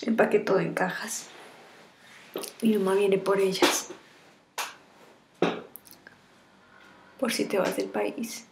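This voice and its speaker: Slow, sorrowful, tearful woman, acted by an actress. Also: mid-range voice, fairly even intonation, gravelly, background noise. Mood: subdued sorrow. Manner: tragic heroine sorrow, tearful, halting, often breaking into whispers. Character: sorrowful dying woman bidding her lover farewell. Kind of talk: dramatic monologue, acted farewell video message. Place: small bare indoor room. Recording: roomy echo of a bare room.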